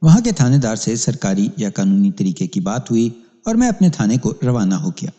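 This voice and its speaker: A man's voice: lowish voice, very animated, warm tone. A man narrating a crime story as a police inspector, in an emphatic, dramatic reading. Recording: long hall reverb.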